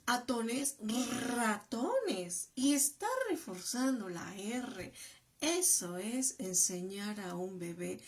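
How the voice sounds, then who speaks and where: A middle-aged woman giving parenting advice in a slow, emphatic way. She repeats phrases and drops to a whisper to stress a point. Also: medium pitch, darkish tone. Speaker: parenting educator and channel host. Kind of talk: parenting advice talk to the camera.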